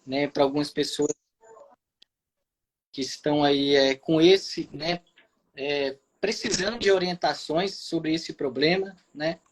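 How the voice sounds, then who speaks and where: A man's voice: a little high, takes it slowly. A man, a pastor, hosting a live stream, speaking hesitantly with frequent fillers.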